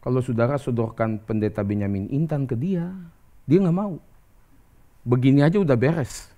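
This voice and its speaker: A middle-aged man preaching a conversational sermon as pastor, acting out quoted dialogue with lively jumps in pitch. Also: moderate pace.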